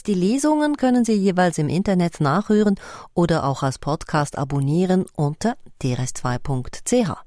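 A woman reading calm, formal radio credits and announcements. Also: low voice, dry recording, studio quality. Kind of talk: scripted announcement.

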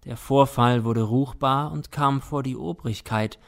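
Slow solemn male storyteller. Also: medium pitch, steady tone, vocal fry, fairly bright tone, no room sound, studio quality. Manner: measured, solemn, dramatic. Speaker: audiobook reader. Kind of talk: scripted narration of a classic tale.

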